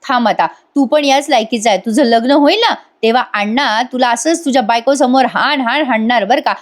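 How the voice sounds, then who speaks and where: A woman's voice: fairly high pitch, a little fast, close to an everyday voice. A woman voicing a cheeky young man who protests and brags in a retold serial scene.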